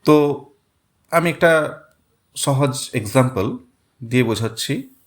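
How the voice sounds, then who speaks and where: A man's voice: medium pitch, lively intonation. A man teaching a literature lesson, explaining step by step and repeating words to show where the stress falls. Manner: reads English quotations very slowly. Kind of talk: Bengali-language literature lesson.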